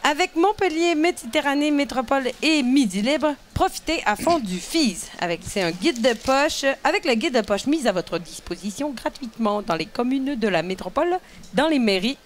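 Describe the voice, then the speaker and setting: A woman co-hosting a casual live talk show with a slightly high voice. She reads items aloud playfully and with flair. Faint event noise sits in the background. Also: animated, moderate pace. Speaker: co-host.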